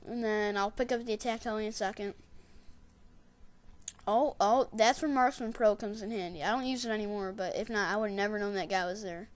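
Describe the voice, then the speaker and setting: A woman casually narrating her gameplay in a rambling, digressive way, and getting excitable when she tells a story. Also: medium pitch, fairly quick. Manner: excitable, shouts catchphrases when retelling. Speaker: gameplay commentator.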